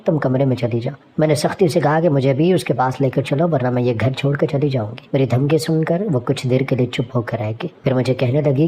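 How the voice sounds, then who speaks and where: A woman narrating a first-person moral story in a steady, plain reading voice. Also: very deep voice, slight background noise.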